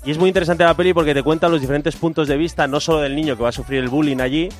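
A man's voice: a little high, steady tone, soft background music. A man joking and rambling as a comedian panelist on a radio show, talking into a studio microphone. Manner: jokey, rambling, quick to laugh.

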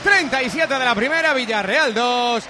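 A man with a Spanish accent from Spain commentates football live on radio as play-by-play man, excitable, repeating phrases and stretching out his shouts. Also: very high-pitched, moderate pace. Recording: loud stadium crowd noise behind.

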